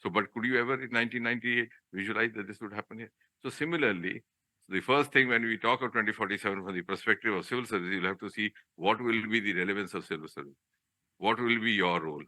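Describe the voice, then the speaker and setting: Older male, Indian accent, chief guest at a podium speech: low, sharply forceful voice, discursive and halting delivery. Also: no echo. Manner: discursive, halting, with rhetorical questions. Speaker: chief guest speaker, public official. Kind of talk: podium speech to trainees in a hall. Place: auditorium hall, live address.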